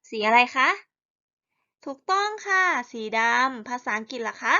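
A woman teacher leading young children through a lesson in slow call-and-response. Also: high voice, animated, bright, forceful tone, dull audio.

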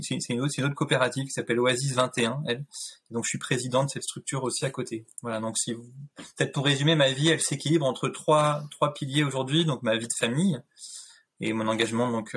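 There's a breathy edge to this man's medium-pitched, fairly bright voice. In his thirties and speaking from a home room, he's a video call interview guest who chats casually and thoughtfully, often restarting and using fillers.

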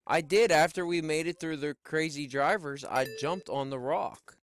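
A middle-aged man doing Let's Play commentary on a headset mic in a small home room, exclaiming and shouting as he plays. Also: a little high, normal speed, a little hiss or hum. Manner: excitable, exclaims and shouts while playing. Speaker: gaming YouTuber.

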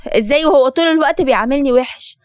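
A woman with an Egyptian accent voicing a hurt, tearful young woman in an animated story. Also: high voice, racing, lightly acted. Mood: upset.

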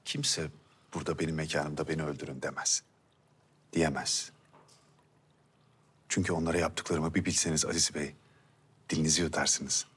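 An actor playing a calm, menacing mafia boss who threatens his captives. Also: a bass voice, normal speed, pauses often, slightly rough, full character voice.

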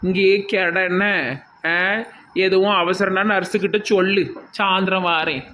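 A man's voice: high-pitched, little pitch movement, measured pace, pushed and bright, slight background noise. Man playing a curt old husband, Tirunelveli accent. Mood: dismissive. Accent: Tirunelveli Tamil. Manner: curt, offhand.

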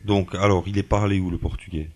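A man's voice: low-pitched, flat delivery, brisk. A man hosting a school radio show, patiently prompting his guests and repeating their answers back to them. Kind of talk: casual radio interview.

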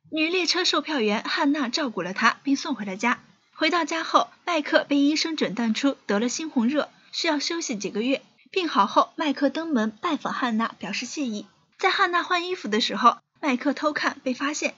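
A woman hosting a film recap channel, telling a movie's story in a steady, scripted narration. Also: high-pitched, muffled recording.

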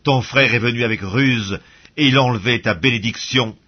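A man's voice: mid-range voice, normal speed, natural voice. Man reading an old blind father, solemn. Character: old blind father blessing his son. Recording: dull lo-fi audio.

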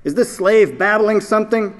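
A man reading aloud, voicing a greedy, loud male slave trader who sneers and yells. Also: high voice, moderate pace, pitched above the performer's own voice, close to an everyday voice. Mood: mocking. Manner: yelling, sneering.

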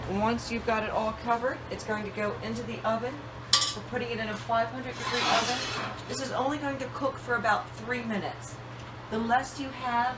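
A middle-aged woman who hosts a cooking channel gives plain, step-by-step instructions from her home kitchen, with a few fillers along the way. Her voice sits on the high side, and a camera mic a few feet off picks it up against a noisy background.

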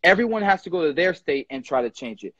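Passionate young man, husky phone voice. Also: a little high, very animated, fairly bright tone, no room sound, dull audio. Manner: passionate, emphatic, quick restarts. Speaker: barber educator, live stream host. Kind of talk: casual live chat. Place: indoor room with ceiling fan. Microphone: phone front camera at arm's length.

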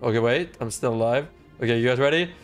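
A young man giving excitable, panicky commentary while playing a game, often yelping and shouting in alarm. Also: medium pitch, fast, faint music behind. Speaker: gaming channel host. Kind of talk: live gameplay commentary.

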